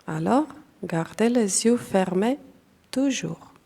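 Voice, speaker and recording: Her medium-pitched voice is creaky and husky as this woman instructs a guided yoga nidra meditation in French, spoken with a non-native accent. She delivers short, calm, deliberate phrases followed by long pauses.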